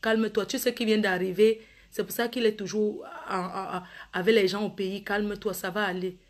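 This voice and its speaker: A woman voicing a calm older father who soothes his quarrelling children. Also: medium pitch, voice pushed down, lightly acted. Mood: soothing. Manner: slow, soft and soothing.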